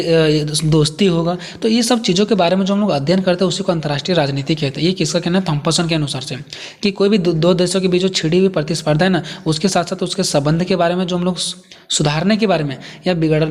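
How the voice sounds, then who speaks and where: रुक-रुक कर समझाता शिक्षक, गूंजता कमरा. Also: male voice, on the high side, in a large hall. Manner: repetitive, asks and answers own questions. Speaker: teacher. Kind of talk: explaining lecture.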